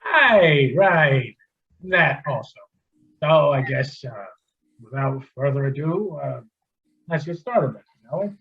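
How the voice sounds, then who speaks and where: An actor playing a flustered, old-fashioned dad in a comedy sketch, stammering and drifting off topic. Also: male voice, fairly high pitch, animated, slow, vocal fry, highs cut off, heavily acted. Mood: fatherly. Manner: flustered, easily sidetracked, stammering. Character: rambling old-fashioned middle-aged dad. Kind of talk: amateur comedy sketch acting.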